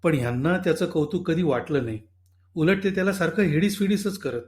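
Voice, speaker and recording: A male storyteller narrating a short story for an audiobook. His voice sits high for a man, and his reading stays calm and measured. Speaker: story reader.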